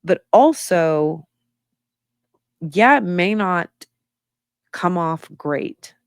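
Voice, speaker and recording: A woman's voice: fairly low pitch, animated, very slow, clean tone, no echo, clean studio sound. A woman giving casual spoken commentary, opinionated and reasoning her points aloud step by step. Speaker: true-crime commentator.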